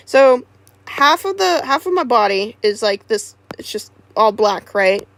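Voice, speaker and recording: A woman streamer in casual livestream chat, rambling and halting with many restarts. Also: on the high side, big pitch swings, a bit bright, no echo.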